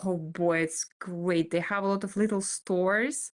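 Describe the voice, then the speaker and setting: Russian accented woman, lowish voice, chatting as a seminar guest. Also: fairly even intonation, unhurried. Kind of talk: informal seminar talk.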